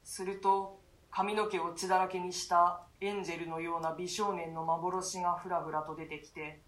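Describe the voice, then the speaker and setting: Reading a classic stage play as radio drama, a voice actor plays a grave, imprisoned male duke who, frightened, recounts a nightmare in archaic, solemn speech with gasps. The voice is mid-range and fairly bright, flat and normal in speed, lightly acted. Audio quality is poor, with a roomy sound.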